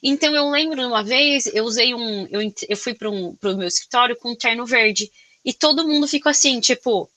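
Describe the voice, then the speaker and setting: A Brazilian woman with a Brazilian Portuguese accent, chatting casually in an interview. She talks loudly and expressively and tells her stories in an animated way. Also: on the high side, fairly quick. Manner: loud, expressive, animated storytelling. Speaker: corporate sales professional.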